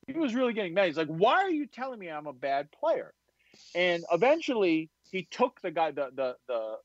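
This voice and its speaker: A man and poker author telling a story in an interview, animated and full of restarts. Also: on the high side, no room sound, muffled recording. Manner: animated, acts out quoted voices, stammering restarts.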